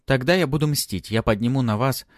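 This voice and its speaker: A man voicing a capricious young woman who loudly demands to be married. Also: brisk, dry recording, clean studio sound, lightly acted. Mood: demanding. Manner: shrill, demanding.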